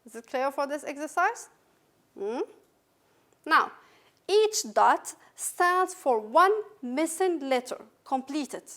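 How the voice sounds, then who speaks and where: Slow, high-voiced woman teaching English. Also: expressive, a bit bright. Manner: slow, patient, repeats words and letters for learners. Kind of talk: recorded classroom lesson.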